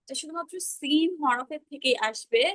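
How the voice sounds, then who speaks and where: A woman's voice: high voice, normal speed. A woman teaching Arabic letter pronunciation in an online class over a video call, patiently repeating sounds for students to echo. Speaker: Quran recitation teacher.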